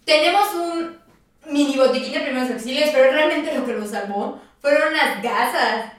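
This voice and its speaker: A young woman with a Mexican Spanish accent, telling a story in casual chat and acting out shouts and quoted lines. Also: sits high, moderate pace. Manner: animated, acts out shouts and quotes with laughter. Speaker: podcast co-host. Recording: echoey room, mic at a distance.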